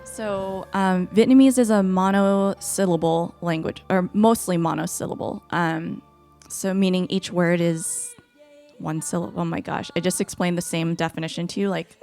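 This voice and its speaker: A young woman from the United States hosting a casual chat, telling stories in a playful, animated way. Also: lowish voice, moderate pace, faint music behind. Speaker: host.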